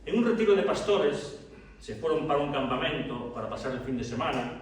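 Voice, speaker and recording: A male pastor preaching a sermon, telling stories with passion and swinging hushed tones to loud ones. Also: on the high side, expressive, fairly quick. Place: church sanctuary. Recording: very echoey church, distant mic.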